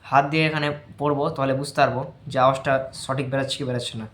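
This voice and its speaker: A man giving an informal lesson, explaining patiently and loudly repeating the letter sounds for practice. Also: medium pitch, fairly even intonation, rapid-fire, roomy sound. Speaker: teacher of Quran letter pronunciation.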